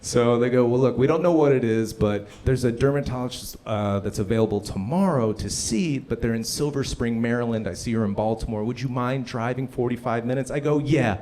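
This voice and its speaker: A man's voice: medium pitch, a little fast, hardly any pauses, slight background noise. A man doing a stand-up comedy set on a club stage, telling a story and acting out the voices of the people in it. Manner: animated storytelling, acts out voices.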